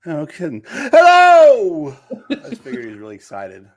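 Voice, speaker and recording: A man co-hosting a casual sports talk show, excitable, swinging from loud outbursts to mumbled asides. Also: on the low side, fast. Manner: excitable, jumps between shouting and mumbling. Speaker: podcast co-host.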